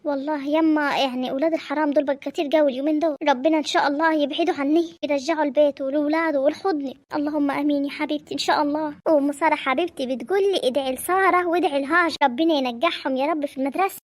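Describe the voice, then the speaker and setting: A woman with an Egyptian accent closing her cartoon video, greeting viewers affectionately and praying for them. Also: high voice. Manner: affectionate, prayerful. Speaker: cartoon channel creator. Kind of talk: warm video outro with prayers for viewers.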